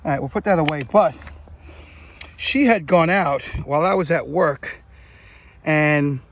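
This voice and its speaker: A man narrating his metal detecting finds outdoors in a casual way, often exclaiming with excitement. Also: fairly high pitch, unhurried, a little hiss or hum. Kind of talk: casual narration while digging. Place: outdoors in a large field.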